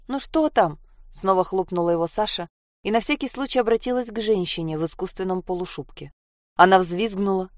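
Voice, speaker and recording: Expressive woman reading a story. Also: fairly low pitch, no room sound, studio quality. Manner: expressive, voices characters. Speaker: narrator.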